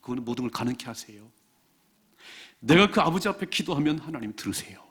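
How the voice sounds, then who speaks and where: A man preaching a sermon as pastor at a church service, emphatic, repeating key phrases and reading scripture slowly. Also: fairly high pitch, animated, a bit bright, husky.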